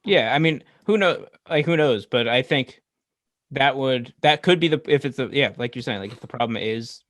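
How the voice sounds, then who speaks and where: A man's voice: medium pitch, lively intonation, moderate pace, fairly bright tone, no echo. Hesitant young man, dry close sound. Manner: hesitant, rambling, laughs easily. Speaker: podcast co-host. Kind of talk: casual sports chat.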